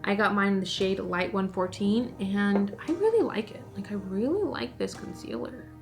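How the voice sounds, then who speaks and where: A woman's voice: mid-range voice, normal speed, faint music behind. Chatty young woman vlogging her story. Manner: chatty, animated, addresses viewers as guys; tells the story while doing her makeup. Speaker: beauty vlogger. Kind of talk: casual storytelling to camera.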